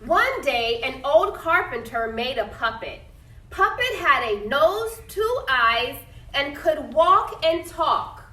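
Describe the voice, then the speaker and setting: Reading a picture book to her students, this woman teacher has a high-pitched, sing-song, slow delivery with a sharp tone. Frequent questions and "okay?" checks break up the story in this read-aloud lesson, heard from a distance in an echoey room.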